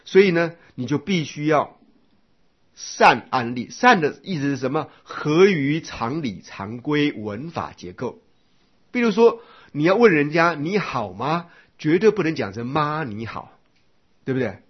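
A man's voice: fairly high pitch, big pitch swings, a little slow, husky. A man teaching Buddhist doctrine in a lecture, explaining step by step and asking rhetorical questions. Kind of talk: dharma lecture. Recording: dull lo-fi lecture recording.

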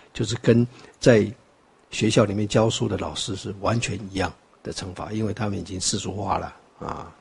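A man's voice: lowish voice, vocal fry, a little mellow, breathy edge. An older man from Taiwan with a Taiwanese Mandarin accent, giving a rambling Buddhist teaching talk full of fillers and wry asides. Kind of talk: dharma talk lecture.

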